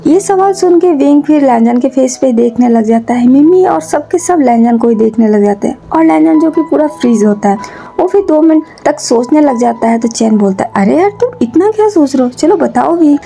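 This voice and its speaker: High, gravelly woman storyteller. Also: expressive, moderate pace, warm tone, soft background music. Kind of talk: fanfiction narration.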